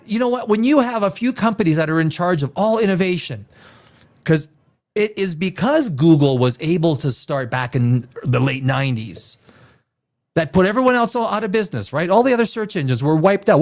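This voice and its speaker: A man in his fifties, born in Czechoslovakia and raised elsewhere, hosts a live stream in a slightly high, slightly mellow voice. He reads viewer chat comments and talks in a rambling, opinionated way, restarting his sentences often.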